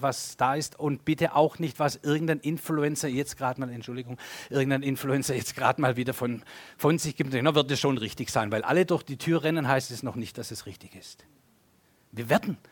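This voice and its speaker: A man preaching a sermon and leading prayer, addressing the congregation directly with sweeping rises and falls in pitch and loudness. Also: slightly rough. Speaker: pastor.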